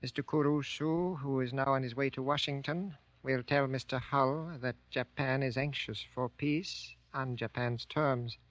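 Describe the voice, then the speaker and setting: An actor playing a guarded, courteous American-born Japanese army sergeant, speaking formally and carefully in grave 1940s radio drama style. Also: male voice, medium pitch, steady tone, fairly bright tone, no echo, natural voice. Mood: grave, ominous. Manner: formal, careful, deliberate diction. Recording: dull old 1940s radio recording.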